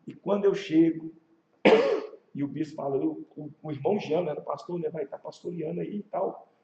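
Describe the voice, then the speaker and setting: Pastor teaching a church leadership class, Brazilian accent, lively storyteller, high voice, recorded in an echoey, muffled room. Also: male voice, moderate pace, heavy background noise. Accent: Brazilian Portuguese. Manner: animated storytelling with rhetorical questions.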